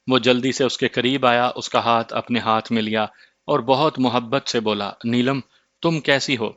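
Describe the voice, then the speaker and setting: A man reading a horror story aloud in a steady, measured narration. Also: mid-range voice, dry recording, lo-fi sound.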